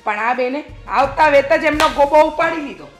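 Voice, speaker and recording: A woman's voice: high voice, normal speed, soft background music, natural voice. A woman with a Gujarati accent playing a scheming older mother-in-law who scolds and grumbles, in a short drama. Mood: complaining.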